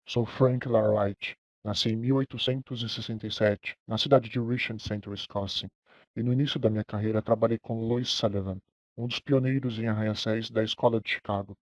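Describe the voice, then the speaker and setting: A young Brazilian man speaking as a famous old American architect, reading a scripted first-person account in a steady, proud tone for a class project. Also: mid-range voice, no room sound, natural voice. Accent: Brazilian Portuguese. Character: famous elderly male American architect, proud of his work. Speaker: architecture student.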